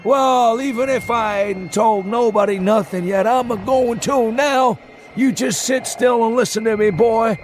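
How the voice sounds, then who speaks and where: A man's voice: very high-pitched, measured pace, a little hiss or hum, pitched above the performer's own voice. A man voicing a terrified, ancient male townsman who talks in a rustic old-timer dialect, in an audiobook reading. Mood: urgent, ominous. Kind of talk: audiobook character voice. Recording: music underneath. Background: music.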